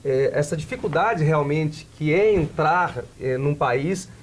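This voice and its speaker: A man's voice: on the high side, animated, measured pace, a little hiss or hum. A man with a Brazilian Portuguese accent hosting a TV business interview, asking several rephrased questions in a row. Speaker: TV talk show host.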